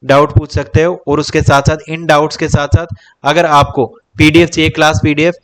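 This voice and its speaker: A young man coaching students for a teaching exam in an easygoing lecture. His voice sits a touch high for a man. He repeats himself, counts off topics one by one and calls his viewers "bhai". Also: little pitch movement, brisk. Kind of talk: casual Hindi-English exam coaching lecture.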